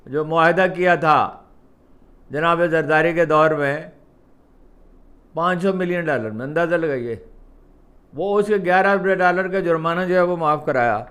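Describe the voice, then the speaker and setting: A man's voice: fairly high pitch, long pauses, a bit bright. A man delivering a political commentary monologue, emphatic, often repeating his points for stress.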